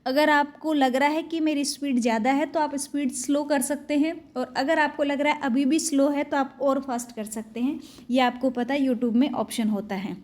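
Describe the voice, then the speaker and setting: A young woman teacher working quickly through exam questions, asking each question and then giving the answer. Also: high voice, fairly even intonation, a little mellow. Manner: fast, brisk question-and-answer delivery. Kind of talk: exam-prep quiz lesson.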